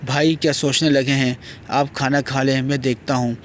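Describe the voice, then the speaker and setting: A man's voice: medium pitch, little pitch movement, a little hiss or hum, natural voice. A man voicing a troubled, evasive young man in an audio novel, speaking in a soothing, guarded way.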